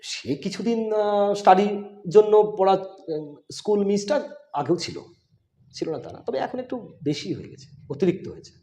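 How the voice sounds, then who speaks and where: A man's voice: high-pitched, expressive, normal speed, warm tone. A middle-aged man, a school headmaster, answering interview questions in an emphatic, insistent way. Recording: roomy, echoey room.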